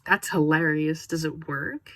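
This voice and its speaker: A woman's voice: deep voice, unhurried, no room sound. A woman voicing a laid-back young man who teases and jokes around. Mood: joking. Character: goofy young male buddy, joking.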